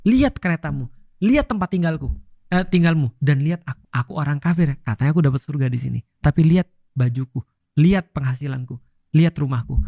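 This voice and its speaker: A man voicing a poor, bitter man who taunts a rich judge, speaking quickly in a mellow voice. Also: on the high side, lively intonation, vocal fry, no echo. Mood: mocking. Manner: taunting, pointed.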